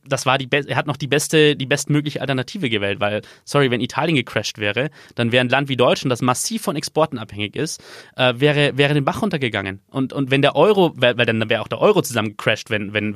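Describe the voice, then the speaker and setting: A man as a podcast guest, explaining complex issues in a rambling, animated way. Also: on the high side, no echo, clean studio sound. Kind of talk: casual explanatory conversation.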